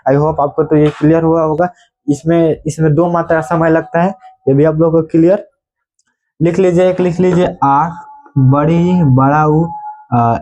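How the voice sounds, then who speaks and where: Man, teacher, grammar lesson, slightly high voice, mellow tone, rhetorical questions, dictation pace. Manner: asks pupils questions and answers them himself; repeats key terms for dictation.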